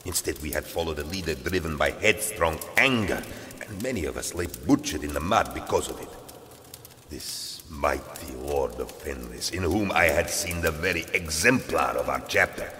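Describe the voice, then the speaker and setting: In a dramatic audio-drama, an actor voices a brooding, battle-worn Space Wolf warrior recounting a lost battle, measured and solemn yet troubled. His full character voice is rumbling low, pushed and bright with lively intonation, set against long reverb and underlying music.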